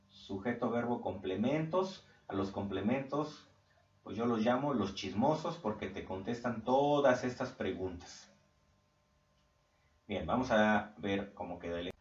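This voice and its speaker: A male teacher explaining grammar in a recorded online class, patient and checking in with his students every few sentences. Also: on the low side. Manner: patient, keeps checking in with "¿sale?". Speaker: Spanish teacher. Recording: echoey room, far from mic, dull lo-fi sound.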